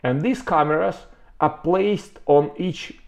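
This company representative has a highish voice with vocal fry and speaks slowly. Presenting products conversationally from a webcam, he pauses often to rephrase and repeats words for emphasis.

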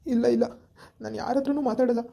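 A woman's voice: on the high side, steady tone, gravelly, mellow. A woman playing a guilt-ridden young husband who is crying and stammers as he pleads, in an amateur village drama. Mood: tearful. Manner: halting, stammering pleas.

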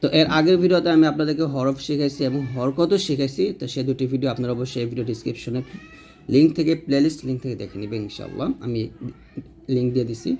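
A man teaching Quran reading in a recorded tutorial, stretching out letter drills slowly between brisker explanations. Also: mid-range voice, vocal fry, a little mellow. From Bangladesh.

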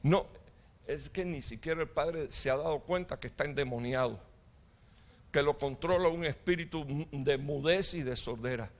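A middle-aged man preaching a sermon as pastor, with impassioned preaching, sudden loud outbursts and jokes with the congregation. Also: a little high, moderate pace. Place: church hall.

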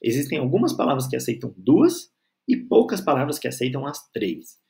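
A man's voice: mid-range voice, very animated, gravelly, warm tone. A man teaching a grammar lesson, patiently stretching out syllables and checking in with the learner. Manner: patient, spells out syllables slowly, frequent "tá?" and "certo?" checks.

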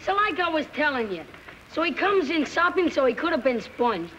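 A man's voice: very high voice, sing-song, normal speed, bright, forceful tone, a little hiss or hum, heavily acted. A young male actor playing a scrappy teenage slum boy with a New York accent in 1930s film style. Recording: muffled old film soundtrack.

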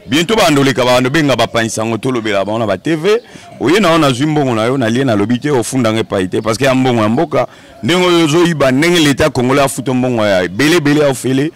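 A man's voice: mid-range voice, animated, fast. A young man answering as a guest in an outdoor interview on a handheld mic, emphatic and full of repetitions. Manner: emphatic, repetitive, hesitant fillers. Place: outdoor courtyard set.

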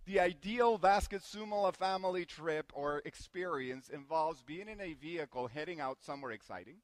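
A man from Guatemala giving a sermon in a church, telling family anecdotes with gentle self-deprecating humor. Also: fairly high pitch, moderate pace, dry recording. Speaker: preacher. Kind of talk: sermon with personal storytelling.

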